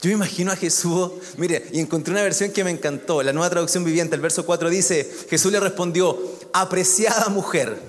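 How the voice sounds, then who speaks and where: A man's voice: on the high side, quick pace, few pauses, long reverb tail. A man preaching a sermon, conversational and joking, with asides to the congregation. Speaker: pastor.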